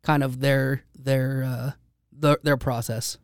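A man's voice: medium pitch, flat delivery, slow pace, no echo, studio quality. A man hosting a podcast, talking casually with many restarts and fillers. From United States. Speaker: podcast host. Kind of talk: casual chat. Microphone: studio microphone.

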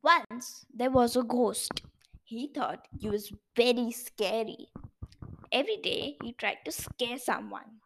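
A woman reads a children's story aloud at an unhurried pace. Her voice sits fairly high and stays warm and clear, and she leans on key words for effect. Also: a little hiss or hum. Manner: slow, deliberate and expressive, stressing key words.

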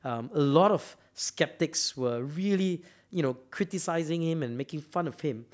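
A Malaysian man gives a motivational talk at a moderate pace, his voice on the high side. He speaks emphatically, often repeating words as he builds toward a point.

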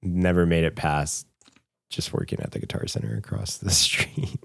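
A man's voice: low voice, moderate pace, vocal fry, fairly bright tone, no echo. A young man co-hosting a podcast, chatting casually and rambling with lots of fillers and restarts. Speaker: podcast co-host. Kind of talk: casual chat.

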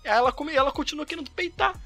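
A young Brazilian man in a casual chat, telling lively anecdotes and acting out the people in them. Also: extremely high pitch, racing, creaky, over music. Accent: Brazilian Portuguese. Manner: animated storyteller acting out the people in his stories. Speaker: podcast co-host.

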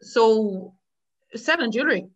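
A woman's voice: on the high side, lively intonation, slow, muffled recording. A woman in her thirties with a west of Ireland accent, telling her story informally as an interview guest. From Galway, Ireland. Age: 30s. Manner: informal, chatty, often quoting past exchanges.

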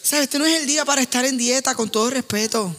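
Male pastor, sermon, high voice, animated and joking, acts out family scenes, long hall reverb. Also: fast talker, slight background noise.

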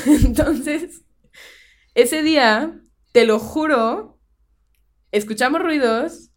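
A woman's voice: high-pitched, extremely slow. A young woman with a Mexican Spanish accent, co-hosting a podcast and telling a spooky personal story in casual chat, dropping in English phrases. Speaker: podcast co-host.

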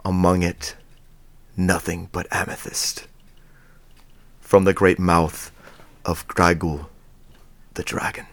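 Guy as an old wizard, deep-ish and grave, takes his time, very dry sound. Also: flat delivery, takes it slowly, pauses often, dry recording. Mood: solemn. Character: old wizard with staff, grave quest-worn storyteller.

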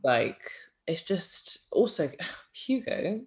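A woman's voice: on the low side, big pitch swings, drawn-out words, a little mellow. A young woman co-hosting a casual chat, chatty and agreeable, often saying "like" and "literally". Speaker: podcast co-host.

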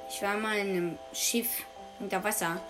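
A young woman playing a game with a friend in casual chat, excitable and loud. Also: mid-range voice, normal speed, music in the background. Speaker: co-player.

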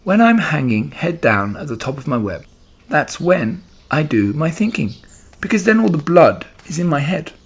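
A man voicing a calm, motherly female spider in a children's story, comforting and gently firm. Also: fairly high pitch, moderate pace, slightly rough, voice pushed up, full character voice. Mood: calm, assured.

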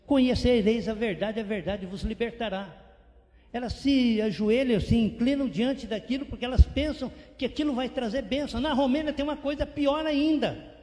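High-voiced preacher in a reverberant church. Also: male voice. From São Paulo state, Brazil. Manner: animated, repetitive emphatic preaching. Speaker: missionary preacher. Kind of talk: sermon. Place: church sanctuary.

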